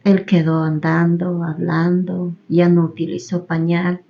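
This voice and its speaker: A woman's voice: fairly low pitch, flat delivery, unhurried, lo-fi sound. A middle-aged woman with an Ecuadorian accent tells her own story in a radio interview, acting out the conversations as she retells them. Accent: Ecuadorian Spanish. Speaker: interviewee, head of a families' association. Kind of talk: personal testimony on community radio.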